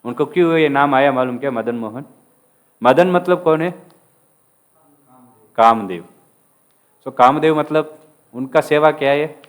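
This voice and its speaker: A man's voice: fairly high pitch, measured pace, long pauses, smooth. A man giving a sermon as a casual story, acting out the lines of its figures and mixing English words into his speech. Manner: mixes English words into Hindi. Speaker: preacher telling a devotional story.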